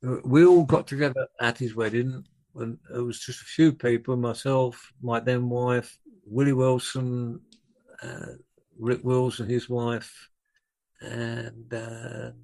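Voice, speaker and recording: A man's voice: medium pitch, little pitch movement, slow, vocal fry, warm tone. An older man, a drummer, telling rambling anecdotes as a guest in a conversation. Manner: rambling, self-correcting anecdotes. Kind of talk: relaxed storytelling in conversation.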